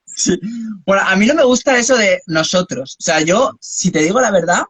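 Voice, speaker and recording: Man, philosophical musing, slightly raised pitch, dry close sound. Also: lively intonation, normal speed, fairly bright tone, husky, no room sound. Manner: philosophical, musing, speaks in long spiritual reflections. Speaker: host. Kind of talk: reflective conversation.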